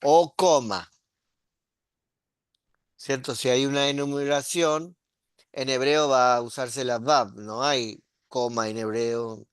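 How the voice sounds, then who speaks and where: A man's voice: mid-range voice, fairly even intonation, slow pace, long pauses, smooth, no room sound, clean studio sound. A middle-aged man, teaching a Hebrew grammar lesson and often checking in with his students. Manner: patient, explaining step by step with frequent "¿sí?" and "¿ves?" checks.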